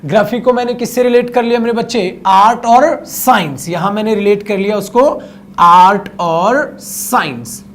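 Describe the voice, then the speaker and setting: A male teacher giving an online vocabulary lesson, coaxing students to read along, repeating words and slowing down for English phrases. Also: high voice, a bit bright, a little hiss or hum. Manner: slows right down when speaking English phrases.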